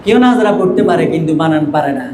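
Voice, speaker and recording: A man's voice: on the high side, expressive, racing, darkish tone, roomy sound, a little hiss or hum, low-quality recording. A man training teachers in Quran reading, asking the class questions and answering them himself as he drills syllables.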